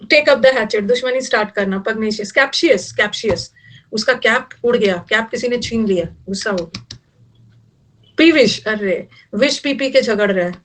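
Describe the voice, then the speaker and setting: A middle-aged woman with a fairly high voice teaches an online vocabulary class. She mixes Hindi and English and makes jokes to help words stick. Her voice sounds a little distant from the microphone. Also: normal speed. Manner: mixes Hindi and English, jokey memory tricks.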